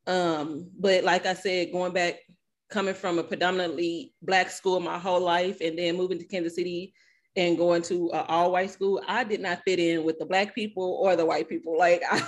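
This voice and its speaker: A woman's voice: fairly low pitch, level tone, normal speed. Outgoing woman with a country Arkansas accent. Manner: outgoing, talkative. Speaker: host. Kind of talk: casual discussion and storytelling.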